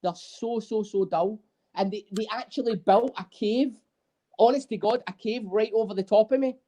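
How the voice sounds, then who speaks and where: A man, a guest drummer, telling animated, swear-filled stories in a casual interview. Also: high-pitched, moderate pace. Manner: animated storyteller, swears freely.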